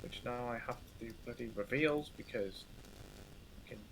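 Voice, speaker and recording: A man improvising narration as a tabletop game master, halting and informal, with the odd mild swear. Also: medium pitch, a little hiss or hum, low-quality recording.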